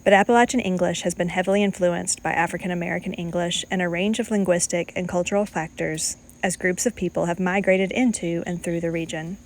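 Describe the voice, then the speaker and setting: A woman reading scripted documentary narration in a formal, measured manner. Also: fairly low pitch, steady tone. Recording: faint background noise.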